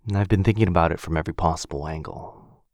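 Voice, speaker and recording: A man plays a protective, brooding vampire lord in a one-sided, intimate boyfriend ASMR fantasy, his mood somber and apologetic. The low, gravelly voice moves in hushed, measured phrases broken by halting pauses, frequently fading to a breathy murmur. The close-mic recording is dry.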